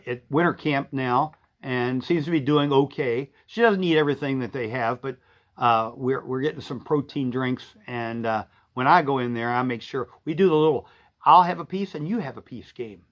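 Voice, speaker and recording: A man's voice: mid-range voice, normal speed. A middle-aged man who runs a shop, chatting casually and folksily on a live stream, with lots of fillers and restarts. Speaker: sewing and vacuum shop owner. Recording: dull lo-fi stream audio.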